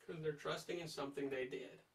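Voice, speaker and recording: A man's voice: on the high side, fairly even intonation, brisk, recorded from a distance, rough recording. Emphatic man preaching, a bit off-mic. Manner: emphatic, urging, asks listeners direct questions. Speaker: Bible teacher. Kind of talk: verse-by-verse Bible study.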